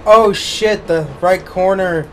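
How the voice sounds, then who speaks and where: A young man chatting crudely while playing a video game with friends in a living room, taunting and shouting mock insults. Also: high-pitched, steady tone, takes it slowly, a little hiss or hum. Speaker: let's play co-host. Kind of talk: casual gaming chat.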